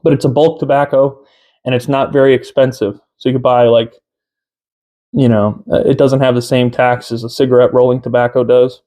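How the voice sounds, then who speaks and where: A man in his thirties with a mid-pitched voice talks casually to a camera in a room at home. He reviews in an unhurried, halting way, often pausing partway through a sentence. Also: little pitch movement, warm tone. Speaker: tobacco reviewer. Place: small room at home, indoors.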